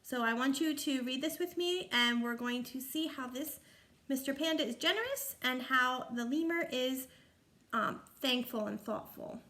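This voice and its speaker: A woman with a high, bright voice reads a picture book aloud to children at a normal speed, sounding forceful. Like a teacher, she explains the story and asks her listeners questions, keeping her manner instructive.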